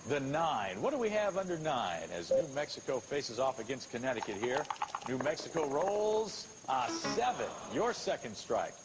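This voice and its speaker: An American man hosting a televised game show with smooth patter and drawn-out suspense. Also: mid-range voice, very animated, loud music behind the voice. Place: television studio with audience. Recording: noisy old TV broadcast tape.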